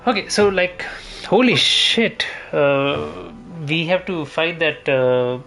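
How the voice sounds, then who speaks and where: With music in the background, a male gaming streamer mumbles casual commentary to himself, letting out mild swears. His voice is a little high, slow and creaky, with a pushed, bright quality.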